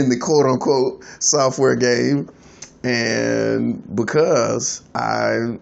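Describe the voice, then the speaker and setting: A man who works as a freelance IT consultant, sharing his story in a reflective monologue, halting and repeating words as he goes. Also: fairly low pitch, vocal fry, lo-fi sound.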